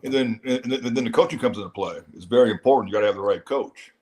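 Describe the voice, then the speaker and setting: A man's voice: mid-range voice, fast, darkish tone. A man who once worked in an NFL front office, talking football in casual chat and repeating words as he builds a point. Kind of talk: casual sports talk.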